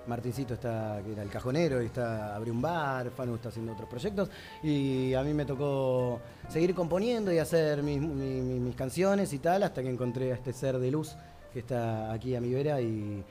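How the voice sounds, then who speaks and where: A man's voice: medium pitch, moderate pace, mellow, faint music behind. Argentine male guest, casual, self-deprecating, laughs a lot. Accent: Argentine Spanish. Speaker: guest musician. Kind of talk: casual chat.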